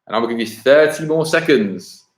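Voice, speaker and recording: A man's voice: mid-range voice, lively intonation, normal speed. A man hosting a live online quiz, chatty and given to thinking aloud and correcting himself. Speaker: quiz host. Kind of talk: live-streamed pub-style quiz hosting. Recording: echoey room.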